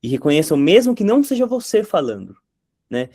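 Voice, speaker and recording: A man's voice: fairly high pitch, very animated, dark tone, dry recording, studio quality. A man teaching a lesson on content creation in a conversational way. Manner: conversational, with quick impressions of catchphrases. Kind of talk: explanatory talk to camera.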